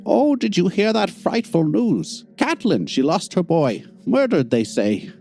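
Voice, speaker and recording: Man doing a high-pitched genteel grandmother. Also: big pitch swings, unhurried, vocal fry, darkish tone, faint music behind, heavily acted. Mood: gossipy. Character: middle-aged churchgoing grandmother, gossipy and polite.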